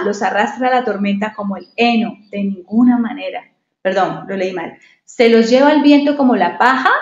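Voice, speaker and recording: A woman giving a devotional Bible study, reading verses and explaining them with many rhetorical questions. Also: on the high side. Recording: echoey, dull lo-fi recording.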